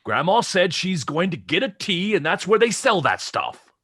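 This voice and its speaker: A man playing a tabletop game in character over a video call, excitable and theatrical. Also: high-pitched, moderate pace, breathy edge. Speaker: player.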